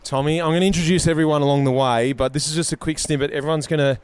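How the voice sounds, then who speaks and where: A man's voice: a little high, steady tone, very fast, clean tone, dry recording. A man hosting a casual vlog outdoors, asking riders questions in a chatty, friendly way. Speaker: host. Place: outdoors on a bike ride.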